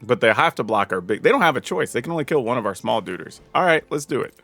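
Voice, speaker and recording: A man from the American South commenting casually on his own card game, thinking aloud and getting excited over big plays. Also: mid-range voice, quick pace, vocal fry, breathy edge, no echo, soft background music. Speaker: gameplay commentator.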